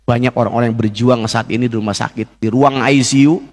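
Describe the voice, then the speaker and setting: A man's voice: medium pitch, steady tone, fairly quick, a little mellow. A male Indonesian preacher giving a mosque sermon, telling an emotional personal story and often addressing the men listening directly.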